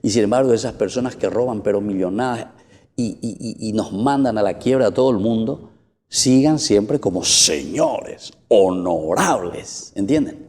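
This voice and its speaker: A man's voice: on the low side, normal speed, darkish tone. A man with a Paraguayan accent, a priest giving an emphatic sermon that rises to exclamations. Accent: Paraguayan Spanish. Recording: long church reverb.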